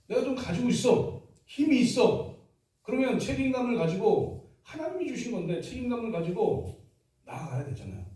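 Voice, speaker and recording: A man's voice: extremely high pitch, very animated, moderate pace, warm tone. A man preaching a sermon as pastor in a church, emphatic and firing rhetorical questions at the congregation. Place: church sanctuary. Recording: echoey hall from far off.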